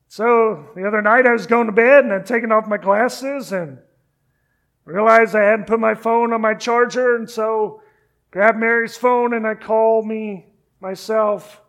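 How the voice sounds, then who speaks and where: A man preaching a sermon as pastor, earnest, dropping to a hush on key phrases and adding conversational asides with gentle teasing. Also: high voice, fairly even intonation, a little slow, vocal fry.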